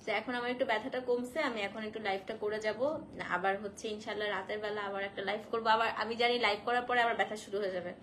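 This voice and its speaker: A woman hosting a casual live stream to sell saris, feverish and in pain, speaking slowly and softly and mixing in English phrases. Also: a little high, slight background noise. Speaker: online shop owner selling saris on a live stream.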